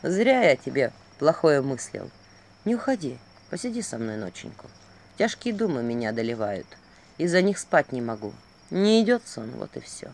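A woman voicing a grieving, heavy-hearted male prince in a fairy-tale audiobook, speaking slowly and low. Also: sing-song, darkish tone, full character voice. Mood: weary. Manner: slow, low, heavy storytelling voice.

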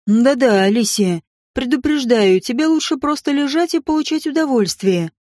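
A woman's voice: sits high, expressive, normal speed, a little mellow, no echo, clean studio sound. A woman voicing a teasing, playful male king in an audiobook. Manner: teasing, mocking.

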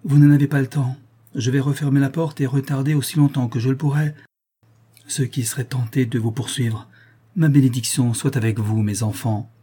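A man's voice: mid-range voice, fairly even intonation, warm tone, breathy edge, close to an everyday voice. A man playing a kindly old monk. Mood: urgent. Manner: solemn, hurried blessing.

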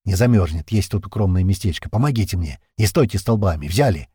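A man voicing a battered, burly, swearing man with a hoarse, hissing voice who barks rough orders. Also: low-pitched, lively intonation, fairly quick, mellow, no room sound, studio quality, full character voice. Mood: barking, demanding.

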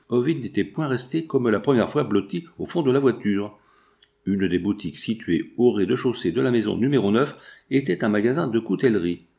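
A man reading a classic novel aloud as a narrator, steady and measured. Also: mid-range voice, creaky. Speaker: audiobook reader.

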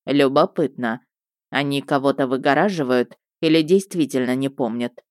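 A woman's voice: rumbling low, moderate pace, darkish tone, dry recording, clean studio sound, voice pushed down. A woman voicing a reserved male police investigator who speaks in a level, dryly polite way. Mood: musing.

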